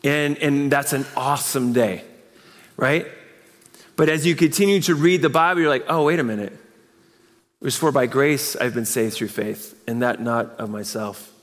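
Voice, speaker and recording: A man's voice: mid-range voice, unhurried, big-room sound. A man preaching a sermon as pastor, speaking emphatically with rhetorical questions and repeated phrases. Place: church.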